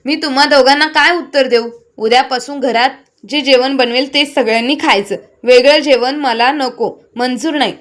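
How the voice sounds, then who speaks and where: A harsh, commanding old mother-in-law in a spoken storybook who barks orders at the household, as a woman narrator reads her lines. The voice sits high and sharp. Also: normal speed, few pauses. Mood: scolding. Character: stern scolding elderly mother-in-law.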